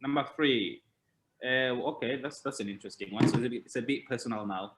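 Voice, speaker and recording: Fast-talking man co-hosting a podcast. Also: medium pitch, very noisy. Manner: quick interjecting questioner. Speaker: podcast co-host. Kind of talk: casual podcast chat.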